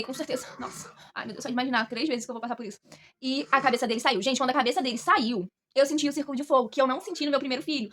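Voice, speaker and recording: A young woman from Brazil telling her story to camera in a chatty, animated way, often addressing her viewers directly. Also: sits high. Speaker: vlogger.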